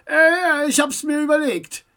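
A woman's voice: sits high, expressive, unhurried, bright, forceful tone, pitched above the performer's own voice, exaggerated voice. A woman voicing a boy's uncle in a children's audiobook, speaking hesitantly. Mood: evasive.

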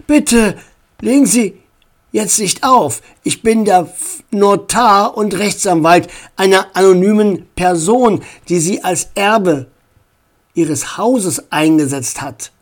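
A man's voice: sits high, takes it slowly, pitched above the performer's own voice. Formal pleading notary, played by a man. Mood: urgent. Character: polite, urgent male notary on the phone. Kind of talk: storybook reading.

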